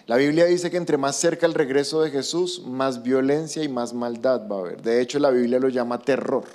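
A man preaching a sermon as pastor, animated and acting out quoted voices. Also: medium pitch, normal speed.

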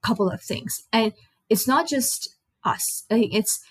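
Hosting a casual solo podcast in English, a young native Nepali speaker with a Nepali accent rambles, chats, and self-corrects. Her voice is a little high and husky, measured in pace, with no room sound.

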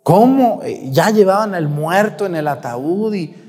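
A man preaching a sermon, retelling a Gospel story in a lively way and putting questions to his listeners. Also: high-pitched, measured pace. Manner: storytelling, animated, asks the audience questions. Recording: long hall reverb.

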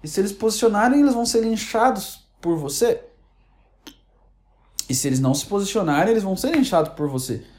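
A woman's voice: mid-range voice, lively intonation, a little fast, a little mellow. A woman with a Brazilian accent ranting casually as an online commentator, sarcastic and rambling with many restarts. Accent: Brazilian Portuguese. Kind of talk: casual opinion rant.

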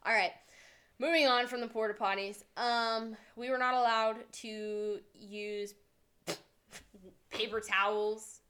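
A woman's voice: fairly high pitch, level tone, slow pace, bright, forceful tone, a little hiss or hum. A woman chatting casually with a friend, blunt and swearing, often laughing. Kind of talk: casual chat.

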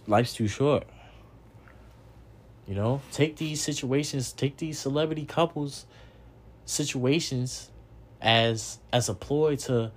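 A young man hosting a podcast delivers a preachy motivational monologue, repeating himself and swearing casually. His voice is mid-range and husky.

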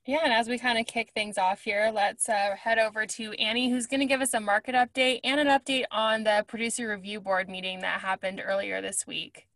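A woman co-hosting a podcast in a relaxed, chatty way, recorded inside a closet. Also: medium pitch, brisk, hardly any pauses. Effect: recorded inside a closet, dry and close. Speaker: podcast co-host. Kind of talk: casual podcast chat.

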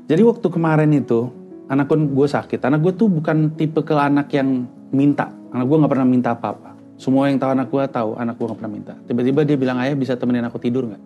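A man, a father, making a quiet, reflective personal confession and mixing in English phrases. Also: medium pitch, steady tone, quick pace, lo-fi sound, faint music behind. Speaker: podcast guest, father.

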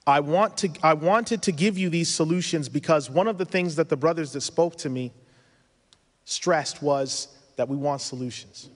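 Speaking at normal speed with a fairly high pitch, a thirtysomething man delivers a sincere religious lecture at a conference. He points out his own foreign accent, fills the talk with advice and rhetorical questions, and the hall sounds reverberant.

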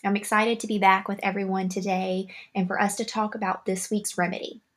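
A woman's voice: mid-range voice, flat delivery, a little fast. A woman with a Southern US accent hosting a podcast, reading a friendly scripted monologue with careful delivery. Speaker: podcast host.

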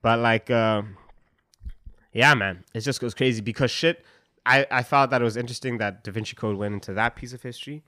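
A man's voice: mid-range voice, fairly quick, bright, forceful tone, dry recording, clean studio sound. A young man co-hosting a podcast in casual, slangy chat, full of fillers and laughs. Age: young adult. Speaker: podcast co-host.

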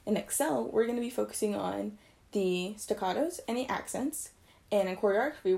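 This young woman's mid-range voice is creaky and darkish. A trumpet player, she covers articulation basics in a relaxed video, chatting, correcting herself, and explaining in a loose way.

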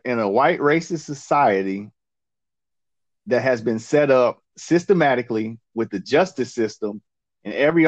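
A man's voice: medium pitch, no echo. Angry, emphatic man on a muffled mic. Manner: angry, emphatic, profane, repeats himself. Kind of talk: heated casual discussion. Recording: dull muffled lo-fi sound.

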